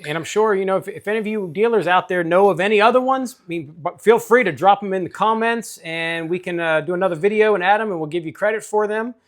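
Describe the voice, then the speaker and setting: Informal man with a higher-pitched voice. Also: fast, few pauses. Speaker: co-host and craps player. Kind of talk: casual chat.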